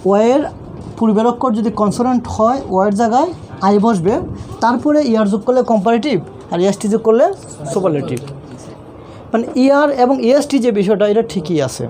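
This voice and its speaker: Speaking in a voice that sits high yet sounds mellow and warm, a Bangladeshi Bengali-accented man teaches grammar rules in an online classroom. He repeats things patiently and keeps answering his own questions as a faint hum of traffic drifts in.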